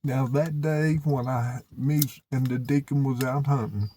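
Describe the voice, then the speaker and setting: A man with an Appalachian accent telling hunting stories casually, in a folksy, drawn-out country way. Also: mid-range voice, fairly even intonation, warm tone, slight background noise. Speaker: turkey hunter presenting his own video. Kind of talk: casual storytelling.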